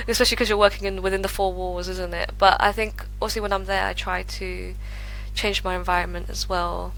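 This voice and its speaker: A young woman with a British accent, chatting as an interview guest, talking quickly with many fillers and frequent laughs. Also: medium pitch, fairly even intonation, vocal fry, a bit bright, soft background music, poor audio. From United Kingdom. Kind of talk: casual interview chat.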